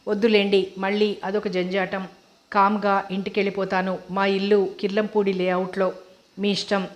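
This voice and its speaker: A woman reads as a devout young college student, shaken after a scare. She speaks slowly and haltingly in a flat, even tone, like a character in a storybook novel. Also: medium pitch, dull audio, close to an everyday voice. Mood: grateful.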